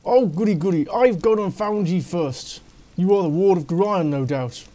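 A man voicing a gleeful male assassin in a game, with a vague put-on accent, louder than his own voice. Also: fairly high pitch, moderate pace, lightly acted.

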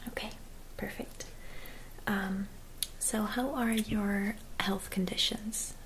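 A woman in her twenties doing a whispered role-play as a spa attendant, speaking softly and gently in an attentive, whispery voice. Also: medium pitch, fairly even intonation, slow pace, a little hiss or hum, rough recording. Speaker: ASMR performer playing a spa clinic receptionist and therapist. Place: small dim room at home.

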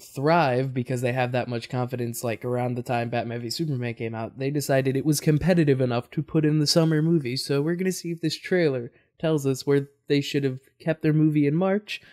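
A man at an ordinary, mid-range pitch chats through his reactions as a video host. He talks in a loose, rambling way, with fillers and restarts. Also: a little mellow. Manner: rambling, chatty, with fillers and self-corrections. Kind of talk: casual reaction commentary.

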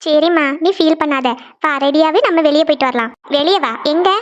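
A woman's voice: high-pitched, brisk, lo-fi sound, lightly acted. A woman voicing a caring teenage daughter in a cartoon, coaxing and reassuring her mother. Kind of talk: cartoon voice acting.

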